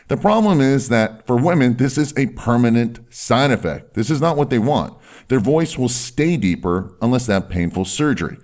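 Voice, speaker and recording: A man with a deep, firm voice presenting instructional advice in an emphatic way, stretching key words and often checking in with short tag questions. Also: a little mellow. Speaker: presenter giving voice and health advice. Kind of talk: instructional talk to camera or listener, salesy explainer.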